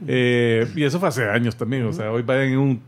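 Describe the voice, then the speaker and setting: A man's voice: mid-range voice, fairly even intonation, moderate pace. A man in a casual movie review chat, laughing often and swearing freely as he retells scenes.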